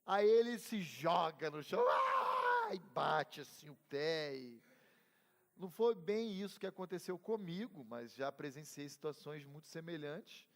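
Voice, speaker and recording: A man's voice: on the high side, animated, normal speed. A middle-aged Brazilian man, a pastor teaching a Bible class conversationally, telling personal stories with humor and asking the class questions. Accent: Brazilian Portuguese. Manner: conversational, asks the class questions and calls on members. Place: church hall. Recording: reverberant church hall.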